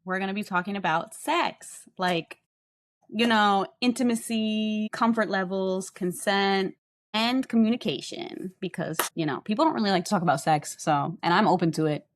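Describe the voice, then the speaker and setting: A woman's voice: medium pitch, normal speed. A young adult woman co-hosting a podcast, telling rambling stories in casual chat and swearing freely. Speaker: podcast co-host.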